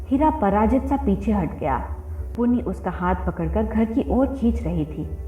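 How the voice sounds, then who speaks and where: Woman narrating a story over phone-like audio. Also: medium pitch. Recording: phone-like roomy audio with faint music.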